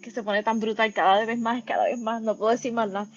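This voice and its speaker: A woman co-hosting a casual anime chat, animated and careful about spoilers. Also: a little high, fast talker, dull audio, faint music behind. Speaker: podcast co-host.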